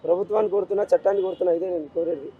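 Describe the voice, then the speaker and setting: A man's voice: high voice, fairly even intonation, very fast, slightly rough, phone-quality sound. A middle-aged grieving father, speaking in an emotional street interview, pleading and repeating himself. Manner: grief-stricken, repetitive, pleading.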